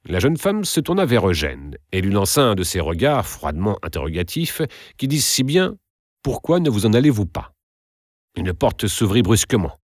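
A man with a very deep voice reads a classic novel aloud, theatrical and expressive with a lively, wide-ranging pitch. The recording is dry and close. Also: normal speed, no echo. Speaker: narrator. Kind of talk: audiobook narration of a classic novel.

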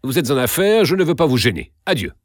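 Guy doing a snooty young dandy, muttery and dismissive, lots of pitch swing. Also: sing-song, fast talker, no echo, clean studio sound, close to an everyday voice. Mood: disdainful. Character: bored, disdainful young dandy.

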